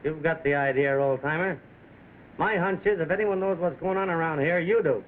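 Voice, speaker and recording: A brash reporter played by a man talks in a high, cocky, slangy voice. He is pushy and wisecracking in 1930s film manner. The soundtrack is thin and slightly noisy. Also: normal speed, phone-quality sound, lightly acted.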